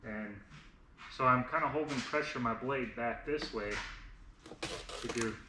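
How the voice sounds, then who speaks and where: A man in his thirties talks through a how-to in an informal, unscripted way, his speech slightly lisped by braces. His voice sits at an ordinary male pitch. It is recorded in an echoey garage workshop, with clear noise and clicks behind him. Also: measured pace. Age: 30s. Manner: informal, explains each step as he works. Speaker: vinyl wrap installer, presenter of a how-to video. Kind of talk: casual hands-on tutorial narration. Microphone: camera on a tripod, a short distance away.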